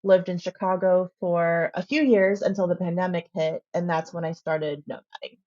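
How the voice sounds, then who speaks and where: A woman from the Philippines answering interview questions in a relaxed, reflective way. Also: fairly low pitch, normal speed. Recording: dull, lo-fi interview recording.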